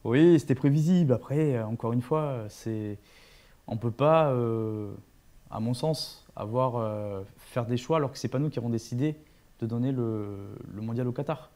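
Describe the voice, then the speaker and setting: A man's voice: medium pitch, normal speed, mellow. A man speaking as a studio guest, hesitant and restarting often as he argues his point. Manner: hesitant, many fillers and restarts. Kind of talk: talk show discussion.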